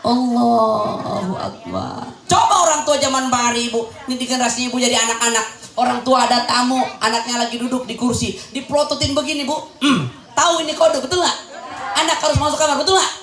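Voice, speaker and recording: A young male preacher giving a humorous sermon to a crowd of mothers, teasing them and shouting his punchlines. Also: very high-pitched, steady tone, quick pace. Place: religious gathering with an audience. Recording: echoey event hall with crowd sound.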